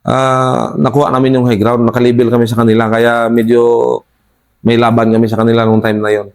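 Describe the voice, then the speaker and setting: In a smooth, mid-range, monotone voice, a Filipino-accented soldier tells an interviewer his combat story of a firefight. He keeps stopping and starting over, deferentially saying "sir" again and again.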